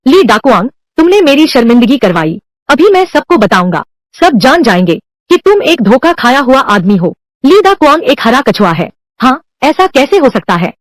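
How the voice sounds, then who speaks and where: With hardly any pauses and at a moderate pace, a high-pitched woman dubs a drama alone, her voice making big pitch swings. As a voice-over dubber, she reads all male and female parts in the same unchanged voice, in a dry recording.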